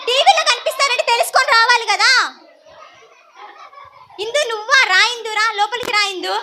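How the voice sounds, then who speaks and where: A woman's voice: extremely high pitch, animated, a little fast, noisy background. A woman playing a fussy lady of the house who is busy planning her daughter's wedding and bosses her maid around, in a church Christmas skit. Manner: bossy toward her maid.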